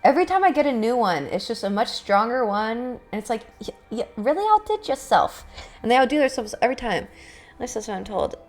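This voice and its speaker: A young woman with a raspy, fairly high voice talks in a brisk, sing-song way as she rambles casually to live-stream viewers. She uses lots of fillers and swearing, and faint music plays in the background.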